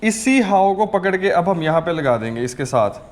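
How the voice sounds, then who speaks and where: A man's voice: high voice, big pitch swings, normal speed. A man teaching a beginner language lesson, patiently repeating each word over and over. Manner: patient, drills words over and over. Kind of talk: slow repetitive language lesson.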